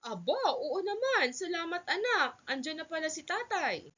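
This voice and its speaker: A woman voicing a kind, caring mother in a read-aloud story for children, speaking gently, in a dull lo-fi recording. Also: very high voice, very animated, normal speed, voice pushed up, exaggerated voice. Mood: gentle. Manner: gentle, affectionate. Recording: dull lo-fi sound.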